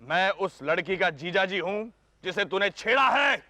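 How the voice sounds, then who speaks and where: A boastful, cowardly husband. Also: male voice, sits high, expressive, a little slow, no echo, full character voice. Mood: scared. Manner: loud, hammy, jokey, stammers when scared. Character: bumbling boastful young husband, cowardly show-off. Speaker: lead comic character. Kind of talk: 1990s sitcom acting.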